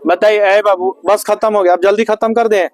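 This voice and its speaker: A man's voice: high-pitched, fairly even intonation, fairly quick, poor audio. A male teacher running a grammar lesson in a classroom, firing repeated questions at his students.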